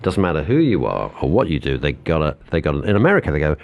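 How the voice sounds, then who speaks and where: Deep, lively British radio host. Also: male voice, quick pace, creaky, muffled recording. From Britain. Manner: animated, repeats words while building up steam. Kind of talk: casual radio chat. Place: radio studio.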